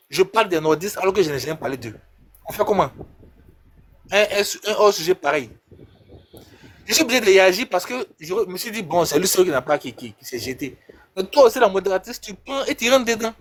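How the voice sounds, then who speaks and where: Husky, defensive panelist man. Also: sits high. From Côte d'Ivoire. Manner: defensive, pleading, insistent. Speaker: debate panelist. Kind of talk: heated live panel debate.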